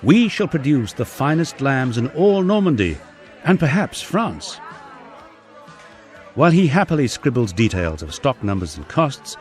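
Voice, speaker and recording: Faint music plays behind an English audiobook narrator reading his own first-person memoir. He speaks in a medium pitch, very animated yet measured in pace, with a wry storytelling manner.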